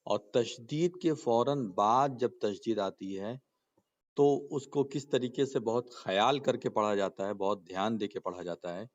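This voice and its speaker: A man's voice: mid-range voice, a little mellow, highs cut off. A man teaching Quran reading and tajweed, explaining patiently, repeating points and asking the class questions. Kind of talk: spoken lesson with slow chanted recitation examples.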